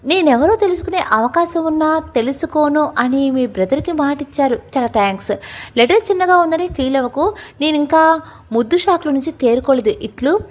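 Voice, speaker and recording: A woman's voice: high voice, expressive, a little fast. A woman reading out a love letter as a playful young woman, a secret admirer who teases the man she loves. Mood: teasing. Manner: playful, teasing.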